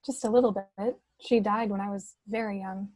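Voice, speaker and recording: A woman's voice: medium pitch, steady tone, moderate pace, darkish tone, close to an everyday voice. A woman reading the part of a troubled, tender young princess in a film script table read on a video call. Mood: concerned, wistful.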